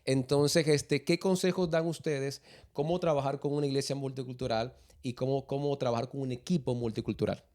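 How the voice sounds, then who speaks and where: A man hosting a casual chat, relaxed and hesitant, with many filler sounds as he asks his guests questions. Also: medium pitch, brisk. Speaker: host.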